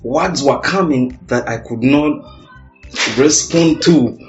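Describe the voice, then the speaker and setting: A man's voice: on the high side, slow pace. A man co-hosting a talk show who speaks candidly and reflects openly. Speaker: co-host. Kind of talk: casual talk show conversation. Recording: dull lo-fi sound with faint music.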